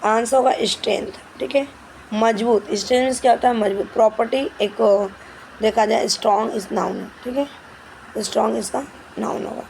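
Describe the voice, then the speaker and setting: Woman teacher with a gravelly voice. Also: a little high, darkish tone, a little hiss or hum, low-quality recording. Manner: explains step by step, repeats "ठीक है" often; reads English questions slowly and carefully. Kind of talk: Hindi grammar lesson with English terms.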